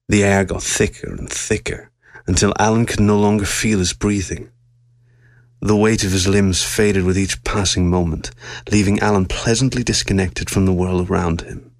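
A man narrating a science-fiction story aloud with steady, measured storytelling. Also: on the low side, no room sound, clean studio sound.

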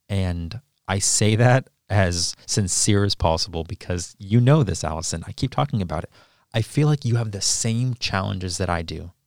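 A man's voice: lowish voice, darkish tone, no echo, studio quality. A man co-hosting a podcast, talking earnestly and encouragingly in a casual conversation. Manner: earnest, encouraging, thinks aloud with restarts. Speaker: podcast co-host.

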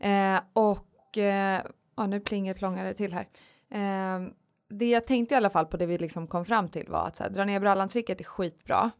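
Female podcast co-host: mid-pitched, lively, rambling and chatty. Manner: lively and rambling, many fillers. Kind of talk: casual chat. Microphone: studio podcast mic.

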